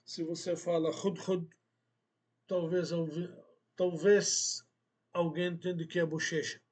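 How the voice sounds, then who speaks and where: A man teaching a language lesson, speaking slowly and deliberately, repeating words for emphasis. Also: on the high side, flat delivery, a little mellow. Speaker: Arabic teacher.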